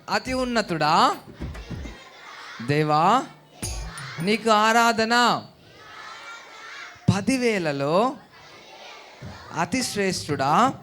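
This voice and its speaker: A man leading children in a call-and-response worship song at a children's Bible school, coaxing them to repeat each line louder. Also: high voice.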